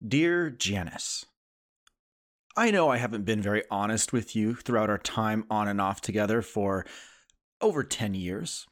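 A man reading a poem in character as a sarcastic adult male sitcom character, rising in pitch on the refrains. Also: measured pace, a bit bright. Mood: earnest.

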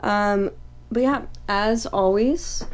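A woman's voice: medium pitch, slow, a loud crowd. A woman in her twenties co-hosting a podcast, chatting casually with lots of likes and plenty of swearing. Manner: casual, filler-heavy, swears freely. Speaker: podcast co-host. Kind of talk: casual chat.

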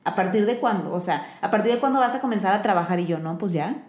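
A woman's voice: medium pitch, lively intonation, fast, a little mellow. A woman hosting a podcast, talking in an earnest, advice-giving way. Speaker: podcast host. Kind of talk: conversational podcast chat. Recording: roomy echo.

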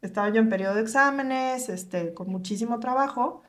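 A woman's voice: a little high, fairly quick, fairly bright tone. A woman chatting casually, explaining things through her own experience. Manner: explanatory, personal storyteller. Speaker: podcast co-host. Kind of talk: casual group chat.

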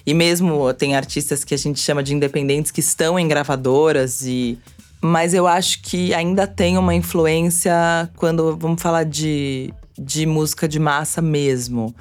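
A woman with a low voice talks in a casual interview. She is a radio presenter speaking as a guest, informal and self-deprecating in the way she tells things. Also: normal speed, a little mellow. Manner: informal, self-deprecating, uses playful mimicked quotes. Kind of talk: casual chat.

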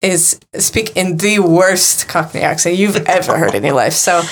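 A woman co-hosting a podcast in casual chat, jokey and quick with crude humor. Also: fairly low pitch, animated. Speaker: podcast co-host.

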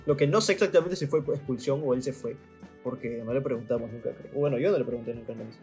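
A man's voice: medium pitch, fast talker, a little mellow, faint music behind. A young man chatting casually with friends, laughing often and retelling stories. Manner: laughs often, tells stories with acted quotes. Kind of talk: casual chat.

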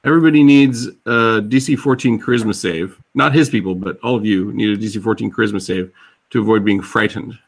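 A man's voice: fairly low pitch, fairly quick, vocal fry. A man running a tabletop fantasy game as game master, casual and playful with chuckling asides.

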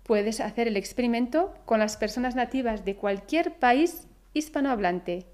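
A woman with a Spain accent, reading a scripted podcast lesson and saying each example word slowly and carefully. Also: a little high, a little mellow. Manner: slow, careful pronunciation of example words. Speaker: Spanish teacher, podcast host.

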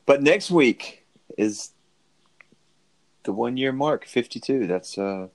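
Laid-back male podcast host, gravelly voice, easy chuckles. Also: medium pitch, expressive, slow pace. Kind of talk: casual chat.

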